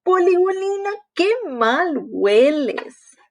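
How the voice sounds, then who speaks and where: A woman voicing an impatient young boy frog who is a big brother, talking in a whiny, high, exclamatory way. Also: big pitch swings, slow pace, full character voice. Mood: disgusted.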